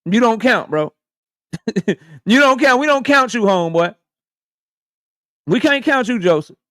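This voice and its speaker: A man's voice: extremely high pitch, animated, unhurried, bright, forceful tone, no echo, clean studio sound. A man in his thirties hosting a casual live stream, joking and roasting his viewers, laughing often. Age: 30s.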